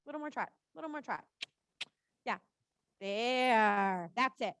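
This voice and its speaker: A woman's voice: fairly high pitch, lively intonation, slow, fairly bright tone, slight background noise. A woman working as a riding coach, calling out short, repeated cues live in an encouraging, informal and reassuring way.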